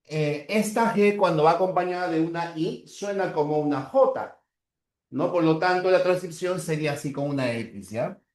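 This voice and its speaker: A man's voice: fairly high pitch, a little mellow. Male teacher in an echoey room. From Peru. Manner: slow, drawn-out spelling of example words; checks in with the class with short tags. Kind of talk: classroom lecture.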